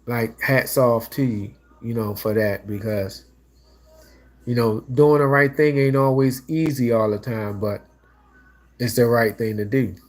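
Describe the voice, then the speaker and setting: A man's voice: mid-range voice, fairly even intonation, measured pace. A man with a stuffy nose chatting loosely about songs and relationships, with many restarts and fillers. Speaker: music reaction vlogger. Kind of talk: casual reaction chat.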